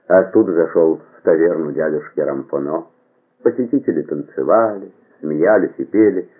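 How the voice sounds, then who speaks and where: A man reading a novel aloud as an audiobook narrator, in a measured, expressive way. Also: deep voice, slightly rough. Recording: tinny phone-like band.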